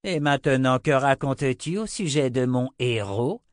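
A man's voice: medium pitch, lively intonation, normal speed, no room sound, clean studio sound, voice pushed up, close to an everyday voice. A man voicing a brutal, furious army general who barks orders and threats in an audiobook. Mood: harsh, shouting.

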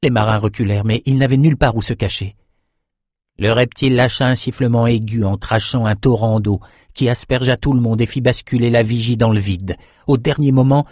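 A man narrating a fantasy audiobook in a measured, steady storytelling manner. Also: mid-range voice, dry recording, studio quality.

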